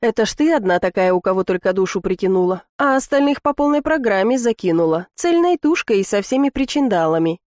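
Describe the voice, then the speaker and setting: A woman's voice: mid-range voice, expressive, a little fast, few pauses, a little mellow, dry recording, studio quality, close to an everyday voice. A woman reading an audiobook, voicing a brash adult man who is the heroine's long-lost brother, blunt and slangy. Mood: scheming.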